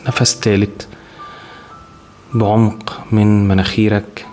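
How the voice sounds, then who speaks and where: Soothing low-voiced Egyptian male meditation guide. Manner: soothing, calm, unhurried instruction with long pauses. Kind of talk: guided body scan meditation. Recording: music behind the voice. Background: clear background music.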